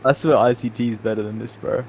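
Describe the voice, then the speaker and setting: A man's voice: mid-range voice, fairly even intonation, quick pace, darkish tone, slight background noise, poor audio. Teasing Australian man on voice chat. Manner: teasing, mocking, laughs at own jokes. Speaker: trader on a voice chat. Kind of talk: casual trash-talking banter.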